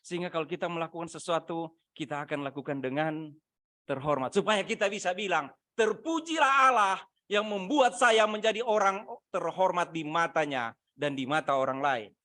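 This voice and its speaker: A man preaching a sermon over a video call, swinging between loud emphatic lines and quiet asides, often asking his listeners rhetorical questions. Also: on the high side, normal speed, no echo, studio quality. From Manado, Indonesia. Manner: asks the congregation rhetorical questions. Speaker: pastor.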